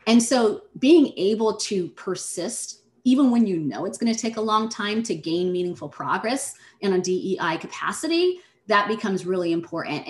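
A woman leading an online workshop, explaining ideas in a measured way and speaking directly to her audience. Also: mid-range voice. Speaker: presenter. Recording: roomy echo.

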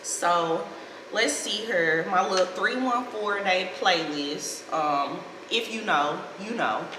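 A woman's voice: fairly low pitch, slow. Echoey St. Louis woman, casual and slangy. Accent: St. Louis American. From St. Louis, Missouri, USA. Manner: slangy, playful, expressive. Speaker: vlogger. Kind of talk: casual chat to camera. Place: small indoor living room, seated on sofa. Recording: echoey, reverberant room with clear noise.

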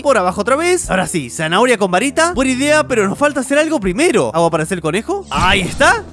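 A man giving let's play commentary on a video game in a high, very animated voice. He chats and thinks aloud as he works through each puzzle. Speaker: gaming youtuber.

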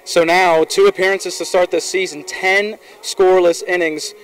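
A man's voice: high voice, steady tone, moderate pace, rough recording. Young male field reporter asking questions. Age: young adult. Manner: crisp scripted questions. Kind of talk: postgame interview. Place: outdoors on a baseball field at dusk. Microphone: handheld mic.

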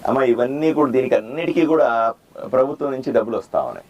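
A man, a doctor running for office, giving a repetitive, plain-spoken campaign speech that quizzes the crowd and demands loud answers. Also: medium pitch, fast talker. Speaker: political candidate and doctor. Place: outdoor neighborhood gathering.

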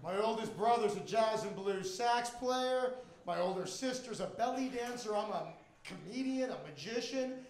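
A middle-aged American man from Miami, Florida does stand-up on a club stage, speaking into a handheld mic with a high, expressive voice at a moderate pace. The echoey comedy club has a live audience, and there's a little hiss or hum.

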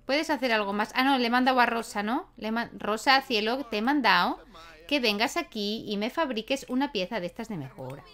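A young woman talks through her game in a fairly high voice, chatting away and scolding her characters. Her tone stays casual and playful. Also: animated, fairly quick, fairly bright tone. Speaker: gaming YouTuber. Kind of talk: casual gameplay commentary.

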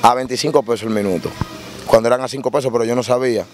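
A man's voice: medium pitch, very fast, faint music behind. A man, recounting his life on the street and in prison in a casual interview, acting out voices as he tells it. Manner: animated storyteller, acts out voices in his tales.

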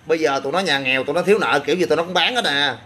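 A man's voice: on the high side, racing, pushed and bright, slight background noise. A man with a Southern Vietnamese accent, a gym owner chatting casually on a livestream and answering comments with boastful, crude banter.

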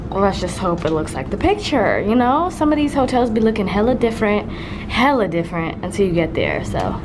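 Speaking at medium pitch against a noisy background, a young woman vlogs casually through a hotel room on a handheld camera. She talks in a chatty, slangy way to viewers and her partner, her voice raspy because she has just woken up.

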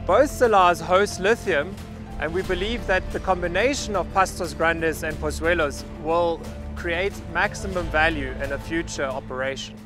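A man in his thirties walks viewers through a mining project while standing outdoors on a salt flat. His voice sits a little high and his delivery stays measured and matter-of-fact. He is close-miked with a lapel mic, and music runs clearly underneath him. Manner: measured, factual briefing. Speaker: mining company representative. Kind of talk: on-site project presentation to camera. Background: background music.

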